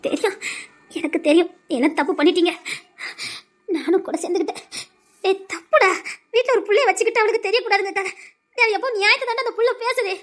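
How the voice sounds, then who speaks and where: An actress playing a middle-aged mother who quietly reproaches her sons and blames herself in a TV serial. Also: quick pace. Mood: remorseful. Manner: low, pleading, reproachful. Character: remorseful mother of grown sons, worried.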